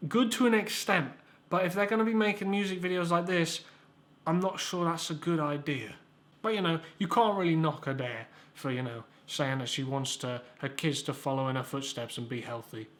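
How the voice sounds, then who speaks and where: Speaking at normal speed in a highish, somewhat bright voice, a young male YouTuber hosts a comedic review. The commentary is loose and sarcastic, with stumbling restarts and casual profanity.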